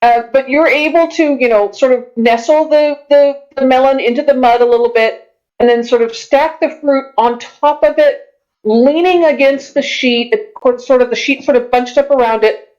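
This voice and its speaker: A woman acting as game master, improvising descriptive narration for a tabletop game in a halting way. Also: high voice, a little mellow, lo-fi sound.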